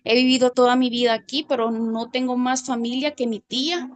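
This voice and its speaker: A woman from Guatemala shares a personal testimony over a video call on her phone. Her voice sits somewhat high, and she talks in a halting, hesitant way, dropping almost to a murmur at the heavy moments. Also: little pitch movement, a crowd in the background. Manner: hesitant, halting, voice drops low when moved. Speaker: class participant sharing a testimony.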